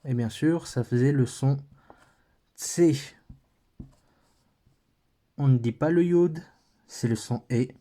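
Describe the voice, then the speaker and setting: A man's voice: mid-range voice, normal speed, warm tone. A man with a French accent teaching a patient, step-by-step lesson, thinking aloud as he writes.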